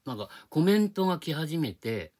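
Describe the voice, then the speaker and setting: Guy rambling to his channel, husky voice, swings up and down a lot, keeps asking rhetorical questions. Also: fairly high pitch, very animated, moderate pace, a little mellow. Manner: chatty, explains with rhetorical questions. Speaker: video channel host. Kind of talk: casual rambling monologue. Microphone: tablet microphone.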